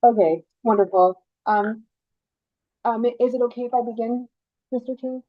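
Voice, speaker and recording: A woman's voice: a little high, moderate pace. A woman policy advisor testifying remotely over a video call, hesitant and apologetic, speaking into her laptop microphone. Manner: apologetic, hesitant, restarts often. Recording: muffled lo-fi laptop mic.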